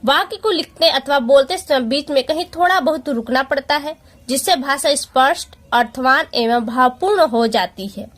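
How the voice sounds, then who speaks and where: A woman teaching an exam-prep lesson, explaining patiently step by step with rhetorical questions and slowing down to read out examples. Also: high-pitched, a bit bright. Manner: slows down to read out example sentences.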